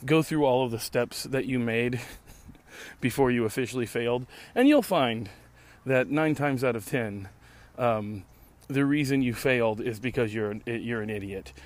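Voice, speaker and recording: A man in his late thirties hosts a casual podcast alone in a park, his mid-range voice hoarse and failing while he keeps a normal speed. The monologue rambles, sardonic and peppered with swearing.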